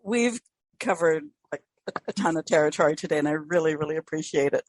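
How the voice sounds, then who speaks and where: An older woman hosts a podcast in a lowish voice, upbeat and friendly. Her voice sounds close and dry, with no room echo, as she moves briskly through the interview and the sign-off. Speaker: podcast host.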